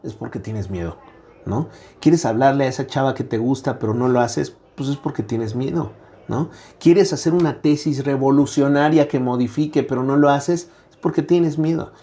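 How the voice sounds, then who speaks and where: A middle-aged Mexican man with a Mexican accent appears as a guest academic in a conversational interview, speaking reflectively with frequent "eh" fillers and a habitual "¿no?". His voice is medium-pitched and dark-toned, at normal speed.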